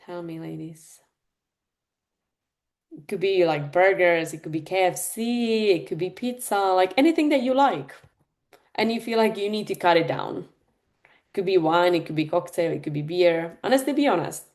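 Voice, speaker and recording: A woman's voice: lowish voice, animated, normal speed, darkish tone. A woman from the Republic, a fitness and nutrition coach giving a live online masterclass in a chatty, direct way, full of fillers, over a video call. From Czech Republic. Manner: chatty, addresses the audience directly with many fillers.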